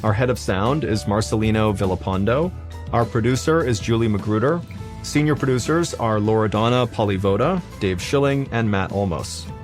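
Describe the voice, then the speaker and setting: A man's voice: on the low side, normal speed, soft background music. A man in his thirties, an American podcast host, narrating a true story in a conversational, scripted first-person style. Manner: conversational, chains sentences with "and so".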